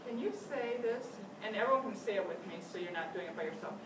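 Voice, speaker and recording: A woman's voice: mid-range voice, animated, quick pace. An older woman teaching a flute master class, giving encouraging instructions and frequent praise. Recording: echoey room, distant mic, loud noise.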